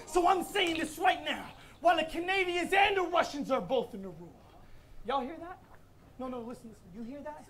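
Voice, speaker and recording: A man's voice: extremely high pitch, brisk, a bit bright. A man performing a live battle rap, delivering taunting punchlines with laughing asides. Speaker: battle rapper. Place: live battle event before a crowd. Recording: crowd noise from a live event.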